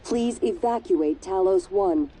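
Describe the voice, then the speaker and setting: A woman voicing a calm female ship computer that gives even, detached, repeating station alerts in a game. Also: a little high, takes it slowly, vocal fry, noisy background, heavily acted. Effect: synthetic station announcement voice. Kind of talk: recorded game announcements.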